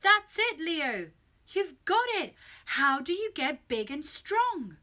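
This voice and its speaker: A woman voicing a kind, eager middle-aged father in a read-aloud children's story, with animated delivery. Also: mid-range voice, a little fast. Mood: excited.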